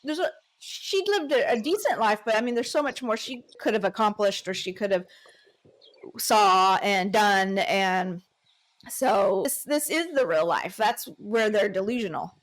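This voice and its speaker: Casting: woman host, casual interview chat, quick affirming interjections. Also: medium pitch, lively intonation. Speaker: channel host. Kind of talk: casual video-call interview.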